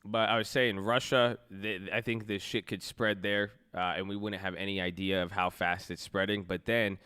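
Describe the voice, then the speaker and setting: A man giving excited, slangy live-stream commentary on the stock market, swearing as he goes. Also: on the low side, normal speed, clean tone.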